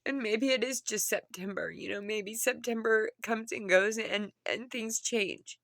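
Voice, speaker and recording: A woman who sounds upset and tearful, as after crying, talking earnestly and haltingly in a personal confession to viewers, often repeating herself. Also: fairly high pitch, vocal fry, a bit bright, dry recording, studio quality. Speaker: vlogger.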